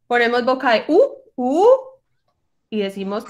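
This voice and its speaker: A woman teaching French pronunciation to singers over a video call, patient and encouraging, slowly demonstrating each sound. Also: fairly high pitch, animated. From Colombian Caribbean coast. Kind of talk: online workshop lesson.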